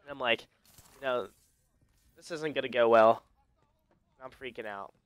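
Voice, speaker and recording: A man narrating a personal story while commenting on his gameplay, talking loosely with lots of fillers and self-corrections. His voice is bright and crisp, recorded dry and close to the mic. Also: medium pitch, unhurried, no echo, faint music behind. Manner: rambling, many fillers and restarts. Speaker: gaming commentator. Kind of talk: casual storytelling over live gameplay.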